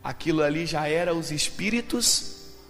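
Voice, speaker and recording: A man preaching a sermon as pastor, dramatic, moving between shouted lines and low, intense speech. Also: normal speed. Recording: long hall reverb with faint music.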